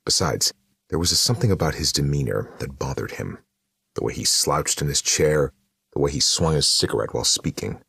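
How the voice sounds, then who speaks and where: A man narrating an audiobook in a measured storytelling manner. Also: very deep voice, lively intonation, vocal fry, bright, forceful tone, husky, no echo, clean studio sound. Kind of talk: scripted narration.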